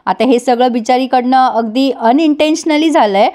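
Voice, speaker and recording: Woman, casual recap host, chatty, addresses viewers, fairly high pitch. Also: unhurried, mellow.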